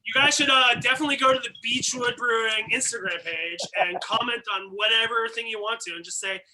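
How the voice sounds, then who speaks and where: A man's voice: extremely high pitch, fairly even intonation, a little fast, noisy background. A man co-hosting a beer festival stream in casual chat, joking and laughing easily.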